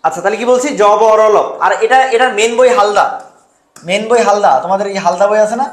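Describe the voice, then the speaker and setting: A man's voice: sits high, quick pace, reverberant. A man tutoring students for a university entrance exam, drilling answers over and over and quizzing them. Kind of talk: online exam-prep lesson.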